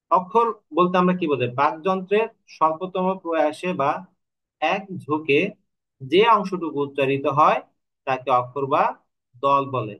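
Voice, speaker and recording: A male tutor with a Bangladeshi Bengali accent teaches an online class, his voice sitting a little high. He asks questions and answers them himself, drawing syllables out slowly to show them. The recording sounds muffled and lo-fi. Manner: explains step by step, asks rhetorical questions; stretches syllables slowly to demonstrate. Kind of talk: online lecture.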